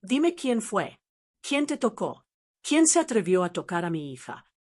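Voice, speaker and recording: A woman voicing an enraged, violent father in a spoken family story, her lines pitched up and strained. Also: lively intonation, a little slow, a little mellow. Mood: furious. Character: enraged middle-aged father, violent and shouting.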